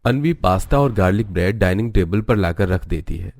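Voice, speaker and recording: Narrating a cartoon story, a man with a fairly low, darkish voice delivers scripted lines as an outside storyteller rather than a character. He sounds animated and goes a little fast.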